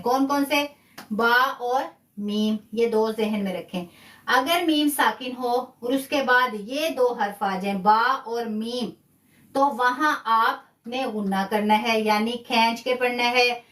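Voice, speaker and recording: A woman's voice: a little high, reverberant, distant mic. A woman with a Pakistani Urdu accent, patiently teaching a live online Quran recitation lesson, repeating key points and praising her students' answers.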